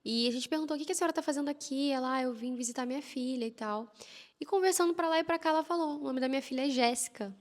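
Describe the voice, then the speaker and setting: A woman telling a personal faith story in casual conversation, animated and lively as she acts out what people said. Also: high-pitched, rapid-fire, long reverb tail. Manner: animated, lively retelling with quoted prayers and laughs. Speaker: guest telling a personal testimony.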